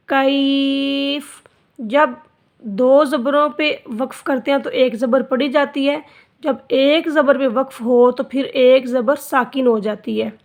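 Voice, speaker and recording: A woman teaching Quran recitation, spelling out letters and vowel marks, then drawing out each word slowly for the learner. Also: sits high. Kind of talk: slow spelled-out recitation lesson.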